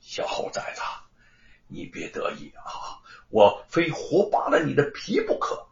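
A man's voice: sits high, expressive, measured pace. A man voicing a spiteful, scheming country squire in an audiobook story, talking in a wheedling, nervous way. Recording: roomy, slightly dull recording.

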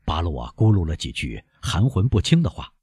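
A male narrator reading a classic novel aloud with dramatic expression. His voice is low and strongly husky, swinging widely in pitch, and it comes through a dry, close recording. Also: very animated, brisk, dark tone, no room sound. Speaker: audiobook narrator.

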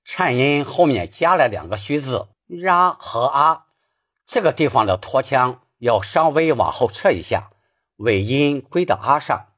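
Husky-voiced man teaching opera singing. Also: medium pitch, lively intonation, unhurried, fairly bright tone. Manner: patient, explains technique step by step. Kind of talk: spoken singing lesson.

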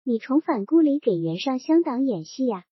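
Brief: blunt, evasive older village patriarch, dry and unbudging, read by a woman with a high, breathy voice. Lo-fi storybook audio. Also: very animated, normal speed, no room sound, exaggerated voice. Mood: guarded, dry. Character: stubborn older male clan head, guarded and dry. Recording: dull lo-fi recording.

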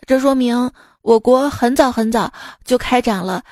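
A woman's voice: a little high, a little slow, a little mellow, no room sound. A woman hosting a comedy radio show, reading jokes in a playful, teasing way and acting out the characters' lines. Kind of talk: comic joke reading.

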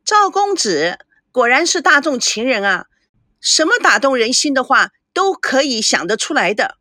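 A woman voicing a spoiled, quarrelsome young woman in an audiobook, sharp and accusing. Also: high voice, sing-song, normal speed, no room sound, clean studio sound, full character voice. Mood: taunting.

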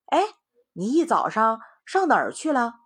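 A woman's voice: a little high, very animated, normal speed, breathy edge, voice pushed up. A woman voicing a cocky, brash male monkey king in a storybook reading.

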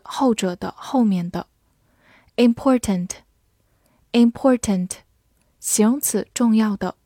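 Slow, mellow-voiced woman teacher. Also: medium pitch, no echo, studio quality. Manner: says each word twice, then reads meanings calmly. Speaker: English teacher. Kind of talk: slow vocabulary drill.

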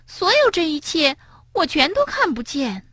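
A woman voicing a small blind male mole in a storybook, with a high, quick, chirpy voice. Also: sing-song, a bit bright, no echo, studio quality, full character voice. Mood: curious. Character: grumpy then gentle little blind male mole.

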